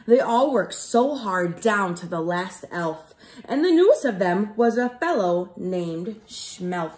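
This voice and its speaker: A female teacher reads aloud to young children, telling the story expressively and explaining things in simple terms. Her voice is mid-range and she takes it slowly, with slight background noise present.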